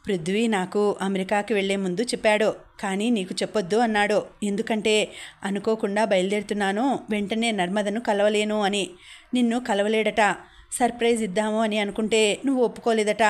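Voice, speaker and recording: Female audiobook narrator, medium pitch, plain steady storytelling. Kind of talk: novel reading with dialogue voiced.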